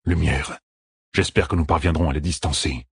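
A man's voice: extremely low pitch, steady tone, moderate pace, gravelly, breathy edge, no room sound, studio quality, exaggerated voice. A man voicing a stern veteran male general who gives clipped commands, in an audiobook. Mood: grim. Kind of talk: audiobook character voice.

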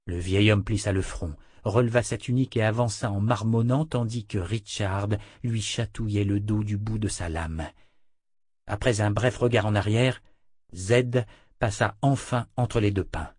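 A man narrating a fantasy audiobook in a measured, even reading. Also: lowish voice, slightly rough, no room sound, clean studio sound.

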